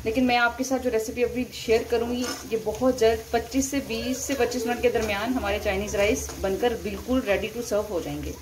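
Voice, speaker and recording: A woman and mother giving a calm, step-by-step home cooking demonstration at her kitchen stove, talking to her viewers as she cooks. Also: on the high side, fairly quick, hardly any pauses, crowd noise. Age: adult, mother of a young son. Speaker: cooking vlogger. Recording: frying sizzle behind the voice. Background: frying and stirring in a wok.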